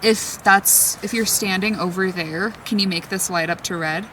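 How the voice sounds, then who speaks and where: A woman talking casually in an excitable, chatty way as she questions spirits aloud in a vlog. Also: medium pitch, normal speed. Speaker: paranormal investigator. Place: outdoors in a forest at night. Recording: distant mic, clearly noisy outdoor ambience.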